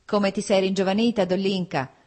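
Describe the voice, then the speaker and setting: A woman reading the part of a jovial, charming middle-aged nobleman, hearty and hurried. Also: mid-range voice, fairly even intonation, darkish tone, voice pushed up, natural voice.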